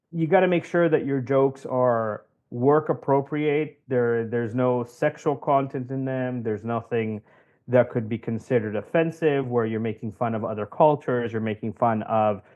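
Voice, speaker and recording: On narrow, tinny audio, a man with a mid-range voice shares advice as a podcast guest. He coaches people for job interviews and grew up in West Africa, in Cameroon and Ivory Coast. His delivery is conversational, full of examples and phrases repeated for emphasis.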